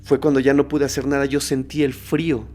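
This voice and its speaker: A man's voice: medium pitch, level tone, a little fast, a little mellow, natural voice. A desperate wounded burglar pleads and confesses in a frantic, begging voice, as a man acts him out. He sounds cornered and afraid, a figure inside a spoken horror story. Faint music plays behind. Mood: confessing.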